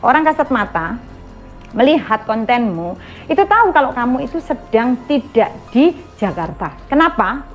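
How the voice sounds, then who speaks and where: A woman's voice: on the high side, sing-song, normal speed, highs cut off, faint music behind. A woman hosting an online commentary, accusing someone and addressing her viewers directly. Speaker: commentary channel host.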